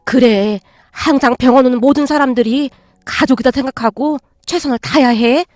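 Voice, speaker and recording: A woman voicing a gentle, patient stepmother who speaks softly and calmly. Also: high voice, normal speed, dry recording, clean studio sound, lightly acted. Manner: soft, calm, coaxing.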